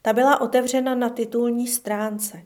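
A woman reading a book aloud in a calm, measured storytelling manner. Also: fairly high pitch. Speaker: reader.

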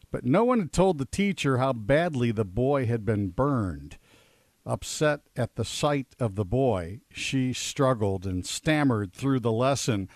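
A man co-hosting a morning radio show, telling short stories in a slow, measured way. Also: medium pitch, no echo, clean studio sound.

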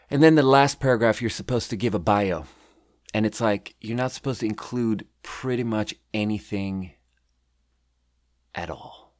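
A Swedish man in his thirties hosts a podcast, chatting casually and rambling as he reads out his own writing with self-deprecating humor. His voice sits on the low side.

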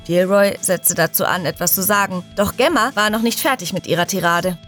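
A woman narrating a fantasy story in a steady, expressive reading voice. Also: mid-range voice, fairly quick, soft background music. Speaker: audiobook narrator.

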